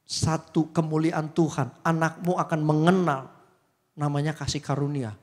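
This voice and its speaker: A man's voice: a little high, little pitch movement, moderate pace. A man speaking from the pulpit, telling an emotional testimony and slipping English phrases into his storytelling. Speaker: lay speaker sharing testimony. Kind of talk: church testimony sermon. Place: church hall. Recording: long church hall reverb.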